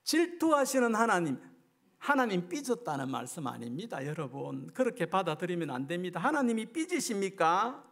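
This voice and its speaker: High, lively preaching man. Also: normal speed. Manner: emphatic, peppers the congregation with rhetorical questions. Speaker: guest preacher at a revival meeting. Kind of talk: sermon.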